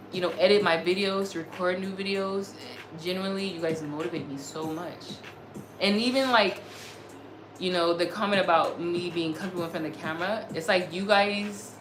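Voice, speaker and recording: A woman of about thirty hosts a livestream, chatting casually as she reads and answers comments in an earnest, effusive way, often repeating herself. Her voice is medium-pitched with a fairly bright tone. The sound is roomy and echoey, with music playing behind her.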